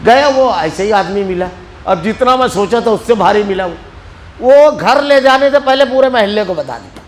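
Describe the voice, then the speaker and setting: A man with an Indian Urdu accent from Maharashtra, teaching a religious lesson in a mosque as an animated storyteller. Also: sits high, slight background noise, poor audio. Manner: animated storyteller acting out quoted speech. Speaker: Quran teacher.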